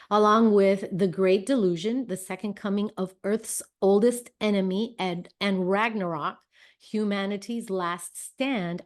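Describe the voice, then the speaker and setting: Female talk host, mid-pitched, chatty and effusive, loose with fillers. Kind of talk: casual interview introduction.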